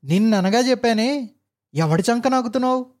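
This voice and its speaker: A man voicing an arrogant male engineer boss who barks insults and mixes English words into his shouting. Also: fairly high pitch, moderate pace, lightly acted. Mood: furious. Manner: barking insults, mixing in English.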